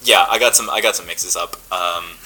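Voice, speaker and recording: Young male actor, podcast guest, low-ish bright voice, casual filler-heavy chat. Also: moderate pace, a little hiss or hum, poor audio. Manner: relaxed, chatty, many fillers and restarts.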